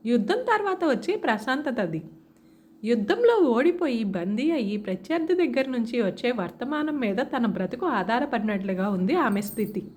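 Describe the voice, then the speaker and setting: Expressive woman reading a story. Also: fairly high pitch. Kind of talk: scripted story narration.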